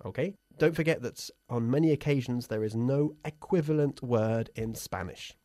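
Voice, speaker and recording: A man's voice: mid-range voice, unhurried, dark tone, dry recording. A man hosting an upbeat bilingual radio English lesson, who laughs often and drills pronunciation in a studio. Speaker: English teacher and host.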